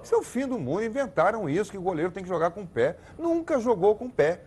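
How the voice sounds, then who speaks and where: Brazilian guy arguing football on a tv panel, bit raspy, really up and down, repeats stuff for emphasis. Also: high voice, very animated, fast talker, darkish tone. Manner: emphatic, repeats phrases for stress. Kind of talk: animated football debate.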